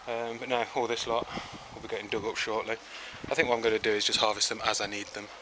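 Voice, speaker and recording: Man, lowish voice, rambling casual garden tour, outdoors, background noise. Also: level tone, fast. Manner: chatty, rambling, easygoing. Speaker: home gardener. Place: backyard vegetable garden outdoors.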